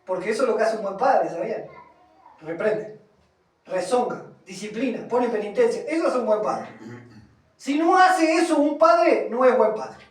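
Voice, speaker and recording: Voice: medium pitch, expressive, moderate pace. A preacher giving an emphatic sermon, reading scripture aloud and putting questions to the congregation. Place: congregation hall, also streamed. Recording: echoey room from far off.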